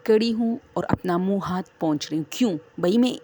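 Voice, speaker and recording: A woman's voice: mid-range voice, dark tone. A woman from Swat, casually telling a true horror story from her own life and talking straight to her listeners as friends. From Swat, Pakistan. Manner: chatty, addresses listeners as friends, digresses.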